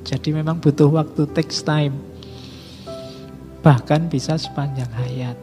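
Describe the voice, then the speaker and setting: A man giving a lively classroom lecture, acting out quoted speech and throwing in rhetorical asides. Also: on the high side, takes it slowly, in a large hall, faint music behind.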